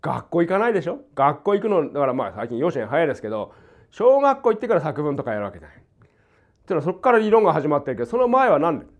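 An older man with a light Hokkaido accent teaches jazz guitar in a loose, talkative way. His fairly high voice leaps around with lively pitch as he acts out rhythms. The recording sounds muffled and lo-fi. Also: racing. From Hokkaido, Japan. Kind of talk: casual spoken lesson. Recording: dull lo-fi recording.

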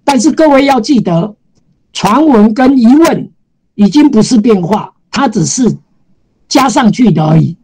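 Woman teacher, Taiwanese Mandarin accent, slightly high voice, patient explanations. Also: expressive, unhurried, darkish tone, slightly rough, poor audio. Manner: patient, explanatory, repeats key terms. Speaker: Japanese teacher. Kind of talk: classroom lecture.

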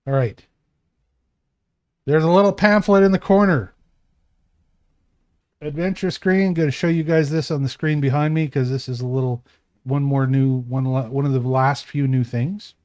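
A man's voice: medium pitch, steady tone, normal speed, pauses often, a little mellow, clear, resonant tone. A man running a tabletop game as game master, talking in a casual, rambling way with fillers.

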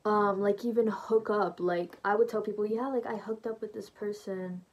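The audio is dull, and her medium-pitched voice keeps fairly even intonation at a normal pace. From her small bedroom, a young Portuguese-native woman with Brazilian roots chats to a camera or phone set close in front about her faith testimony, laughing lightly and saying "like" and "you know" a lot.

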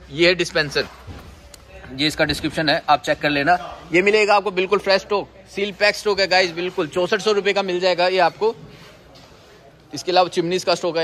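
Indian man, 30s, slightly high voice; casual wholesale-seller vlog host, brisk sales patter, handheld phone walkaround in a warehouse. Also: fairly bright tone. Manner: brisk salesman pitch, addresses viewers as guys. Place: large warehouse and loading yard, partly outdoors. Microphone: handheld phone selfie camera, moving around.

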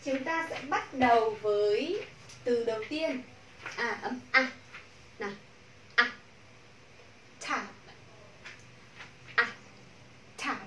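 A woman with a Vietnamese accent teaching English pronunciation to a class, modeling sounds slowly and repeating drills. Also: a little high, a bit bright, recorded from a distance. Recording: echoey room, from the mic, faint noise.

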